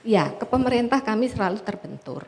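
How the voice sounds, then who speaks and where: A woman's voice: a little high, very animated, a little fast, creaky, darkish tone, a little hiss or hum. A woman who runs a business, asking a question from the audience at a forum, hesitant and searching for words.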